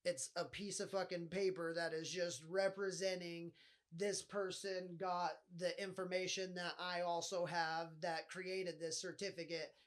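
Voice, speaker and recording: Brief: fairly high-voiced nasal man, loose profane podcast monologue. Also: level tone, a little slow, a bit bright. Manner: rambling, swears often. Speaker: podcast host. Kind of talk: casual solo podcast monologue.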